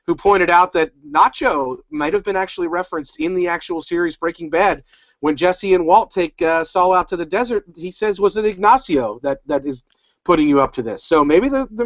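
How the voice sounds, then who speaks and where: A man co-hosts a casual recap podcast in a fairly high voice. He talks in a rambling, upbeat way and restarts his sentences often. The recording sounds dull and dry. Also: fairly quick, dry recording. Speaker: podcast co-host.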